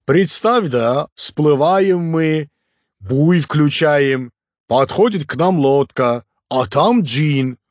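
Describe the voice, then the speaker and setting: A male narrator voicing a big, cheerful, good-natured boat skipper who talks slowly and tags phrases with a questioning "da?". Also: fairly high pitch, expressive, no room sound, clean studio sound, voice pushed up. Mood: excited. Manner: slow, drawn-out, ends phrases with a questioning "da?". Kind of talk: audiobook character voice.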